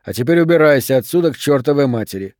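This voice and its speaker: A man's voice: medium pitch, expressive, fast talker, a little mellow, dry recording, clean studio sound, lightly acted. A man playing a hard, middle-aged male schoolteacher who gives curt, commanding orders in an audiobook. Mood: stern.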